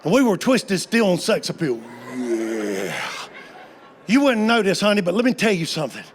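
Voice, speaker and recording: A man's voice: sits high, very animated, moderate pace, slight background noise. A man, telling folksy stand-up stories with playful punchlines. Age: 50s. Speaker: stand-up comedian. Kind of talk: stand-up comedy storytelling.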